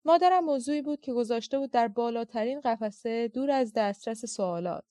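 A woman narrating a literary audiobook in a measured, reflective way. Her voice sits a bit high. The recording is close and dry, with no room sound. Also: mellow, no room sound.

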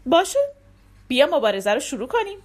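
Storybook warrior queen, haughty and icy, bright and high, read by a woman. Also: very animated. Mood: cold, scornful. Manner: scornful, commanding.

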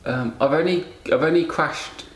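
A man's voice: a little high, moderate pace. A man co-hosting a podcast, teasing his co-host with crude, swearing banter. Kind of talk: casual chat. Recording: echoey room.

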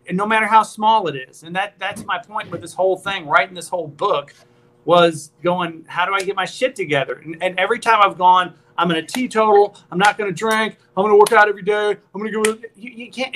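A man's voice: sits high, a little fast, fairly bright tone. A man in his fifties hosting a podcast, talking in a casual, joking, rambling way. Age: 50s. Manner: joking, rambling, self-deprecating. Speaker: podcast host.

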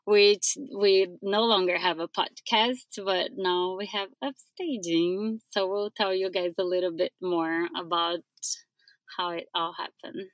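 A woman from Brazil, a podcast guest telling her story in a relaxed, unhurried way. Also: fairly low pitch, no room sound. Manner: unhurried, laughs between thoughts. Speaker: guest, staging company co-founder. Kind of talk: casual podcast chat.

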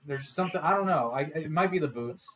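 A man co-hosting a podcast, chatting casually about wrestling in a joking, animated way. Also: fairly high pitch, fast, a little hiss or hum, rough recording. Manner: joking, animated, laughs often. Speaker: podcast co-host.

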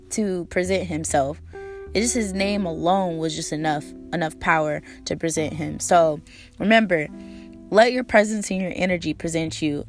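A woman hosting a casual motivational monologue, slangy and emphatic with swearing, her squeaky, strained voice hoarse from a cold. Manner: slangy, swearing, emphatic, repeating key phrases. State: hoarse from a cold, recovering from a lost voice. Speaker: podcast host.

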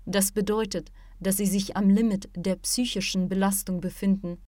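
A woman reading an audiobook, voicing a calm, wise male martial arts teacher who lectures patiently and at length. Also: mid-range voice, normal speed, dry recording, clean studio sound, close to an everyday voice. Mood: explaining.

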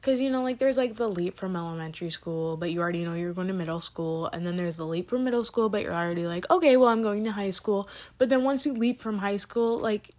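A woman's voice: fairly low pitch, quick pace, hardly any pauses, a little mellow. A woman in her late teens talking alone on her podcast, chatty and scattered, full of fillers and side tangents. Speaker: solo podcaster. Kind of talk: rambling casual podcast monologue.

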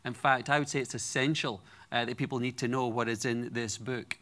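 A Scottish guest preacher in his forties delivers a sermon to a congregation, earnest and personal with touches of humor. His mid-range voice has a sharp tone and fairly even intonation, and he speaks fairly quickly.

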